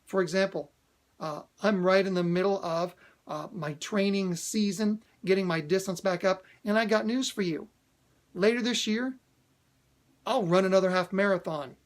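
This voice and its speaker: A man's voice: high voice, normal speed. A man hosting a motivational video, talking earnestly to camera, repeating key phrases for emphasis and restarting often with fillers. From United States. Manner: hesitant restarts with frequent uhs.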